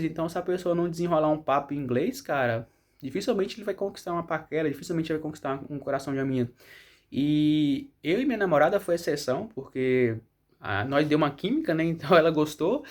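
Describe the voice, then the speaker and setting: A man's voice: a little high, a little mellow. A young Brazilian man with a Brazilian Portuguese accent, chatting casually to camera in a rambling vlog and tagging many lines with "né?". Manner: chatty, rambling, frequent "né?" tag questions. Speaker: vlogger. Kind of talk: casual chat.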